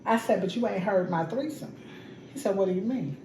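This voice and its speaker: A woman's voice: mid-range voice, a little fast. A middle-aged woman co-hosting a casual podcast, acting out the people in her stories as she tells them. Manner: animated storyteller acting out dialogue. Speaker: co-host. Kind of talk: casual storytelling chat. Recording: echoey kitchen with noise.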